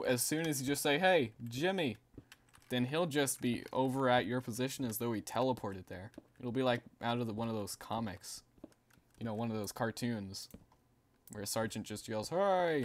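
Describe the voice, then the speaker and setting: A man's voice: on the low side, little pitch movement, a little fast, a little hiss or hum. A man livestreaming a game, chatting casually and rambling while reading out viewer messages, laughing now and then. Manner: rambling, chatty, laughs often and reads out chat. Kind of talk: casual gaming stream chat.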